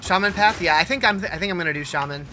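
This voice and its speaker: A man's voice: high voice, fast, pushed and bright, slight background noise. A man livestreaming a game with casual commentary, answering chat and thinking aloud in a laid-back way.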